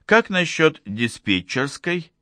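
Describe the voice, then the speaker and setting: A man's voice: on the high side, sing-song, slow, sharp tone, no room sound, studio quality, voice pushed up, full character voice. A man voicing a nervous, urgent young woman scientist in an audiobook. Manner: anxious, urgent.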